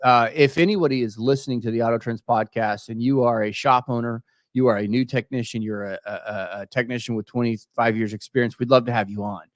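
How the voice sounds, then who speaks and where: A man in his late thirties chats casually as a podcast co-host. He talks in an animated way and often repeats words as he restarts. His voice is mid-pitched and sits close and dry on the mic. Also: fast, hardly any pauses, no room sound. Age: 30s.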